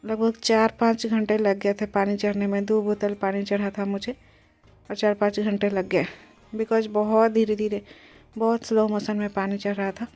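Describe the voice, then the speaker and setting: A woman's voice: medium pitch, mellow. A young pregnant woman near her delivery narrating her day in a chatty vlog, explaining things as she goes and mixing in English words. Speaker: vlogger.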